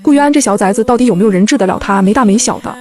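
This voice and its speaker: A woman narrating a comedic web novel as a scripted audiobook, playful and lively, slipping into character voices. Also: medium pitch, very fast.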